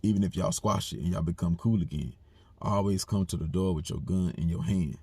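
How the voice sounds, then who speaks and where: A man's voice: low voice, brisk, a little mellow, breathy edge, no echo. A man giving a blunt, repetitive, streetwise commentary monologue. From United States. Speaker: commentary channel host.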